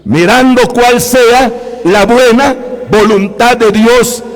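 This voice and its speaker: A man with a Guatemalan Spanish accent delivers a sermon at a slow, deliberate pace, hammering the same phrases again and again. His voice sits high for a man and keeps calling out to the congregation. A long reverb from the church hall trails after every phrase. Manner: emphatic, repeats phrases, often addresses brothers and sisters. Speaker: preacher.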